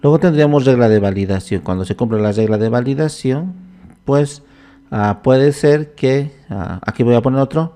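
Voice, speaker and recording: A man walking through a computer program in a screen-recorded tutorial, talking his steps aloud in an unhurried way and often pausing on "entonces". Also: mid-range voice, warm tone. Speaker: software instructor.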